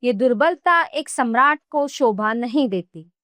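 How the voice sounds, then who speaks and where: A woman's voice: fairly high pitch, animated, measured pace, a bit bright, dry recording, studio quality. A woman voicing a proud young noblewoman who haughtily defends an emperor's might. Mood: haughty. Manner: haughty, indignant.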